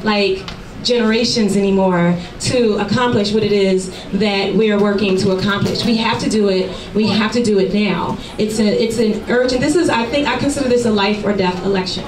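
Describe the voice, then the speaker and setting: A woman's voice: medium pitch, fairly quick. A young woman giving an urgent, passionate rally speech into a handheld mic in a packed café. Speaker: activist speaker. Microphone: handheld mic, recorded from afar. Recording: roomy, distant, with crowd. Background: crowd.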